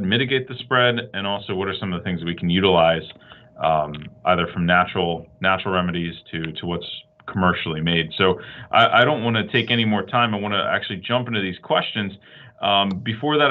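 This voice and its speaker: A man moderates a virtual town hall, thanking the speaker and reading audience questions, stumbling and repeating words as he goes. His voice sits a bit low. The sound is thin and tinny, like a phone line. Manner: halting, repeats words, many restarts. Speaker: state representative hosting a town hall.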